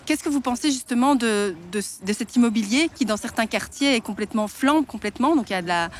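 A woman's voice: on the high side, expressive, a little fast, a little hiss or hum. A woman interviewer asking probing follow-up questions in a street interview.

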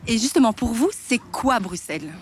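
A woman's voice: fairly high pitch, animated, normal speed, slight background noise. A woman interviewer asking probing follow-up questions in a street interview.

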